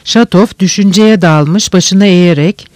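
A man narrating a novel as an audiobook, reading in a steady, measured way. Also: sits high, no room sound.

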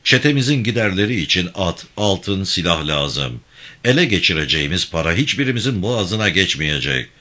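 A man voicing a stern, commanding male militia band leader who gives hushed orders. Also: low-pitched, sing-song, fairly quick, full character voice.

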